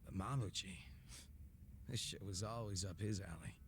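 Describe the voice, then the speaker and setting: A low-pitched man with a fairly bright tone plays a laid-back, sardonic former gang boss in a video game cutscene, talking casually with teasing and profanity at a normal speed. He comes across as jaded and candid, with music running under the dialogue and slight background noise.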